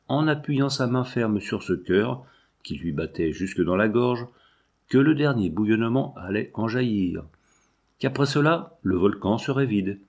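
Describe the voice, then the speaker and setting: A man reading a classic novel aloud as scripted narration, measured and solemn. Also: medium pitch, darkish tone. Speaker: audiobook reader.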